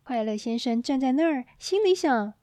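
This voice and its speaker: Woman reading a children's story, mellow tone. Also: high voice, moderate pace, no room sound. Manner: gentle, expressive reading to children.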